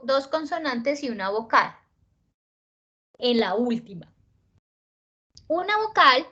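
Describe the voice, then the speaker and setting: Woman, Colombian accent, fairly high voice, spelling teacher, checks in often, stretches stressed words. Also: fairly bright tone, lo-fi sound. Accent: Colombian Spanish. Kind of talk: online spelling lesson.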